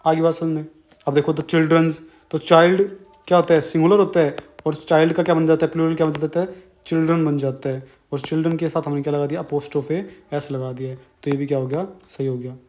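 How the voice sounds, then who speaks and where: A man's voice: a little high, fairly even intonation, a little fast, darkish tone. A man with an Indian accent teaching an exam-prep grammar lesson, explaining step by step and asking and answering his own questions.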